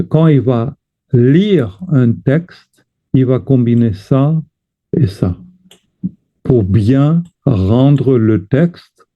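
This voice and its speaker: A man teaching a chant lesson, explaining slowly and carefully and breaking off to sing short chant phrases. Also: mid-range voice, warm tone. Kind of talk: teaching lesson with sung examples. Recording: tinny phone-like sound.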